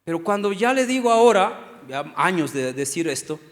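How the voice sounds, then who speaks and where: A high-voiced middle-aged man preaching to his congregation. He keeps throwing questions at the room and acting out little scenes. His voice rings with a long reverb in a church hall. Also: normal speed. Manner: animated, asks the congregation questions, acts out quotes. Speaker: pastor. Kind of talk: sermon.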